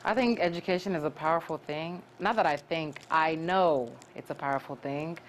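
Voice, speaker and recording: A young graduate student from Cameroon answers interview questions earnestly, pausing often and restarting her sentences. Her voice is low, and the low-quality recording has slight background noise.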